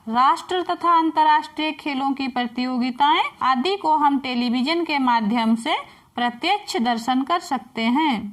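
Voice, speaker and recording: A woman teacher reading out textbook answers, dictating each answer slowly and deliberately. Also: high-pitched.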